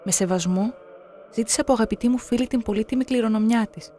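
A narrator reading scripted documentary passages in a measured, solemn way. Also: medium pitch, mellow, slight background noise.

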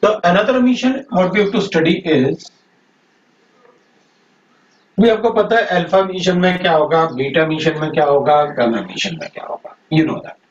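A man with an Indian accent teaching chemistry. He repeats lines slowly for his students to copy, then explains quickly in mixed Hindi and English. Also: fairly high pitch. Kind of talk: classroom lecture. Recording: echoey room, distant dull mic, faint noise.

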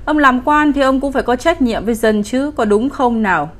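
A woman's voice: high voice, brisk, natural voice. A woman voicing a lecherous, cruel old male village official in a spoken ghost story, bullying and commanding. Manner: bullying and commanding, falsely sweet when coaxing.

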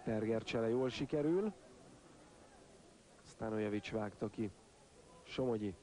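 A man's voice: fairly low pitch, mellow. A man giving sports commentary on a football match in clipped phrases, naming players and lifting his voice at chances. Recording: stadium crowd noise behind commentary. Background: football crowd.

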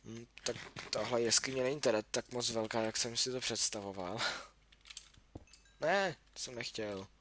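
A man's voice: mid-range voice, sharp tone, a little hiss or hum. A young man casually commenting on his own game as he plays, talking to himself and yelping when startled. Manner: chatty, talks to himself, yelps in alarm. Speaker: gaming YouTuber. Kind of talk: casual let's-play commentary. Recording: clear keyboard clicking under voice. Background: keyboard and mouse clicks.

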